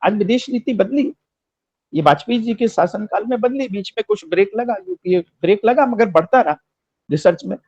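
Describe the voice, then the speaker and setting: High-voiced impassioned male commentator. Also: animated, moderate pace, darkish tone, dry recording, muffled recording. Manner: rhetorical, emphatic, repeats phrases for effect. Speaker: political commentator.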